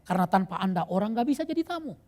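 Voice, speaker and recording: A male pastor preaching an animated sermon in a church, breaking into bursts of shouting. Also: high voice, very fast.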